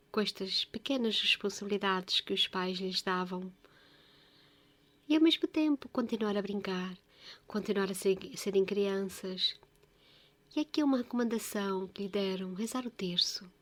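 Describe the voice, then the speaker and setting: Soft-spoken woman. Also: medium pitch. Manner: gentle, halting, often dropping to a whisper. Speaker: religious video presenter. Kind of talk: spiritual reflection.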